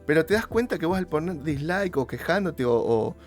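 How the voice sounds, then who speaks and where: A man's voice: expressive, moderate pace, faint music behind. Argentine-accented man vlogging to viewers. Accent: Rioplatense Spanish. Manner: talks straight to viewers, persuasive, pitch jumps up for emphasis. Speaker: YouTuber host. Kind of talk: casual monologue to viewers.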